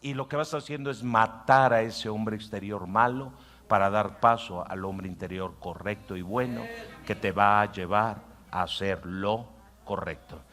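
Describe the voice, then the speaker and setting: A man preaching a sermon as pastor, swinging from loud, emphatic lines to soft muttered asides where he acts out a tempting inner voice. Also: fairly low pitch. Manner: acts out the inner voice in quiet mocking tones.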